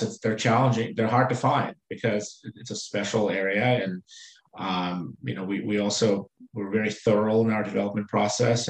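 A man speaking as a company executive in a business interview, halting with many fillers and restarts. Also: fairly low pitch, reverberant, rough recording.

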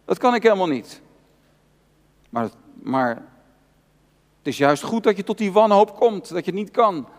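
A man's voice: high-pitched, big pitch swings, moderate pace, pauses often. A male pastor preaching an earnest, personal sermon, repeating key phrases for emphasis. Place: church hall. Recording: long church reverb.

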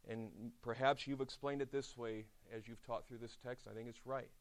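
A middle-aged man preaching a chapel sermon, telling stories with lively asides. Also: mid-range voice, normal speed. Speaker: pastor. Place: seminary chapel.

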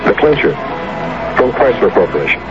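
Animated, confident American spokesman. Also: lowish voice, fairly quick, music in the background. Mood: assured. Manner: crisp, unruffled, concise answers. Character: confident, matter-of-fact male car company spokesman. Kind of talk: scripted radio advertisement. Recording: noisy, muffled 1970s radio advert.

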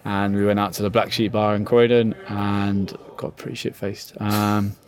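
A man's voice: lowish voice, little pitch movement, moderate pace. Swearing, jokey young man. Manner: swears freely, jokey, rambling. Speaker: podcast co-host. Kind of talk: casual chat.

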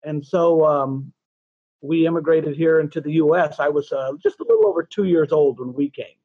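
A man in his sixties from California, appearing as a podcast guest, chats casually and tells family stories, restarting often and poking fun at himself. His voice runs on the high side with big pitch swings at a normal speed. The audio is narrow and tinny, with no room sound.

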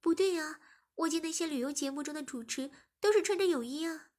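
Woman voicing a shy flustered young wife, high-pitched and a bit loud, storybook audio. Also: brisk, close to an everyday voice. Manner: pleading, easily embarrassed.

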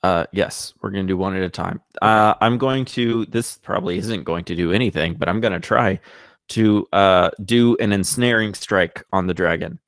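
A man's voice: sits low, normal speed, a bit bright, no room sound, clean studio sound. A man playing a tabletop game, wry and self-deprecating, making small jokes about his own rolls. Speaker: player. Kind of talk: casual tabletop play.

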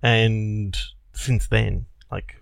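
A man in his thirties with a low, gravelly voice, recorded dry and close. He tells stories in easy podcast chat and often laughs at himself. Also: fairly even intonation, very slow, dry recording. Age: 30s. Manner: chatty storyteller, laughs at himself. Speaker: podcast co-host. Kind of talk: casual chat.

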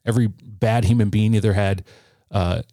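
Earnest, halting man telling his story. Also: lowish voice, steady tone, mellow, no room sound, studio quality. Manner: earnest, halting, with frequent restarts. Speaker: podcast guest. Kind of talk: personal storytelling.

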